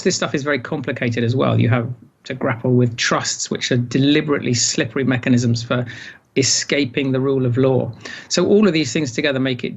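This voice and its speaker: A man of average pitch explains things as an interview guest. He pauses and repeats words as he works through his points. The sound is dull and lo-fi. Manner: hesitant, repeats words while thinking. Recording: dull, band-limited sound.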